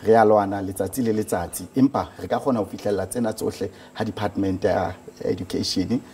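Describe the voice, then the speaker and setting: Casting: man with Sotho accent from South Africa, interview guest, stuttering repetitions, rapid bursts, dark soft tone. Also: lowish voice, steady tone, slight background noise. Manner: halting, with repeated words and stutters. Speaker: organisation founder being interviewed. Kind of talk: studio news interview answers.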